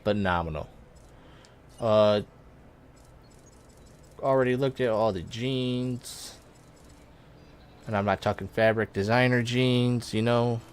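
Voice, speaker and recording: A young man giving casual, rambling let's-play commentary, full of fillers and self-corrections, with excited bursts when something in the game surprises him. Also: medium pitch, takes it slowly, pauses often, clear, resonant tone. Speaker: gaming YouTuber.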